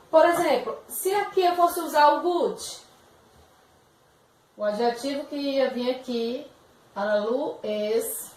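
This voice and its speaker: A Brazilian woman teaching English in a recorded video lesson, patient and checking often that her students follow. Her voice sits high. The sound is roomy and echoey, and she is set a little back from the microphone. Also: far from the mic, slight background noise. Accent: Brazilian Portuguese.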